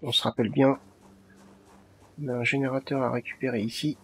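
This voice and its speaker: A man's voice: mid-range voice, little pitch movement, fairly quick, slight background noise. A man giving casual let's play commentary, muttering and thinking aloud to himself.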